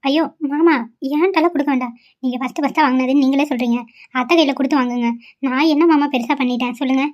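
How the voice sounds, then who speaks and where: A woman voicing a gentle, polite young daughter-in-law in a cartoon. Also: sits high, steady tone, fast, close to an everyday voice. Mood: humble. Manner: soft, polite, humble. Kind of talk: amateur cartoon voice acting. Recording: dull lo-fi sound.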